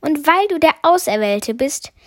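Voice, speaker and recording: A wise talking number one from a children's storybook explains things patiently, as a woman reading aloud puts it on. The voice is high and clear. It sounds close and dry. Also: animated, unhurried, no room sound.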